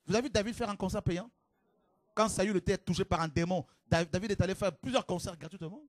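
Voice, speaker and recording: A man preaching a fiery sermon to a congregation, with shouted exclamations and rhetorical questions. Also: high-pitched, fast, no room sound, clean studio sound.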